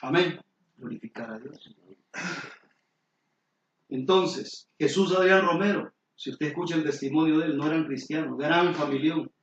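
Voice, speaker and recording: A middle-aged man, preaching a sermon as pastor with lively storytelling and questions to the congregation. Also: fairly high pitch, measured pace, pauses often, a little hiss or hum. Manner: animated storytelling, sudden exclamations, rhetorical questions to the congregation. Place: church sanctuary. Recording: roomy hall, distant mic, dull and lo-fi.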